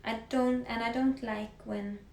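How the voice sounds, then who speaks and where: Woman with a Norwegian accent, fairly high voice, husky vocal fry, half-whispered livestream chat, roomy echo. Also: fairly even intonation, measured pace. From Norway. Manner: soft-spoken, often drifting into near-whispers. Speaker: musician live-streaming to fans. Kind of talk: casual livestream chat while painting. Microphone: phone. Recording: echoey room with faint background hiss.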